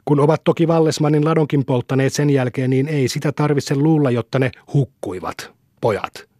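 A man's voice: medium pitch, dark tone, dry recording, studio quality, lightly acted. A man reading aloud, voicing a sullen, evasive peasant man who mutters and grumbles. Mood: grumbling.

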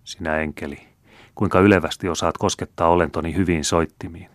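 Guy voicing a remorseful noble count in a storybook reading, deep and earnest, dry sound. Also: fairly even intonation, dry recording, natural voice. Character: noble middle-aged male count, remorseful.

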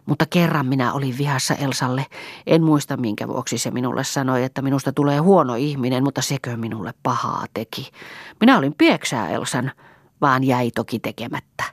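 Lady reading chatty impulsive village girl, up and down emotions, bright and quick, dry booth sound. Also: very deep voice, breathy edge, no echo, heavily acted. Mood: exuberant. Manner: lively and chattering, quick to laugh and cry. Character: impulsive, talkative young village woman. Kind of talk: audiobook character reading.

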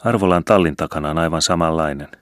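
A man's voice: low-pitched, dry recording, clean studio sound, pitched above the performer's own voice, natural voice. A man reading as an eager country woman exclaiming. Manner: exclaiming, pointing things out.

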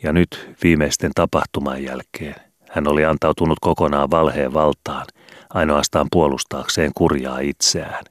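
A man reading a children's storybook aloud in measured, even storytelling narration. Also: a bass voice, no echo, clean studio sound. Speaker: audiobook reader. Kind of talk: scripted audiobook narration.

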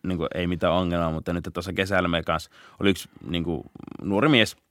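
A young man, a police officer, telling a story in a casual podcast interview, laughing often and shouting out bursts of the chase. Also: sits low, fairly even intonation. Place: podcast studio.

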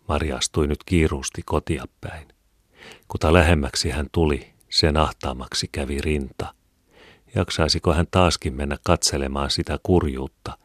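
A man narrating a classic novel as an audiobook reader, in a calm, measured storytelling manner. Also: extremely low pitch, dry recording, studio quality.

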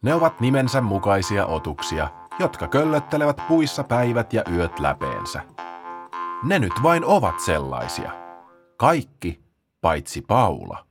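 Male narrator for a children's audio story; low voice, animated and playful telling. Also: over music.

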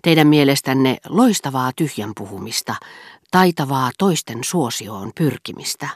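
A woman reading aloud voices a showy gentleman who asks probing questions to show off. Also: a bass voice, animated, breathy edge, no room sound, studio quality, heavily acted. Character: showy man eager to shine in conversation.

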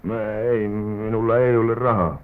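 An actor playing a penniless, worldly drifter in a vintage radio drama, talking wryly and theatrically with stray English words. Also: male voice, lowish voice, steady tone, smooth, close to an everyday voice. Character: poor wandering drifter man, wry and worldly. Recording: tinny old radio broadcast recording.

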